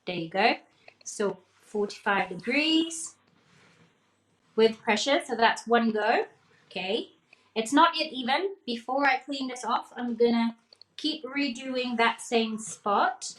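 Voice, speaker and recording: A woman's voice: on the high side, expressive, slow pace, fairly bright tone. A woman demonstrating cake decorating live in a kitchen, talking casually and checking in with her viewers. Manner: chatty, checks in with "okay?", laughs often. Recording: echoey room.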